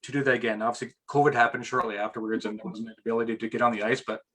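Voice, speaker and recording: A man's voice: mid-range voice, level tone, very fast, a bit bright. A middle-aged man as an interview guest, chatting casually and rambling with restarts, getting emotional at times.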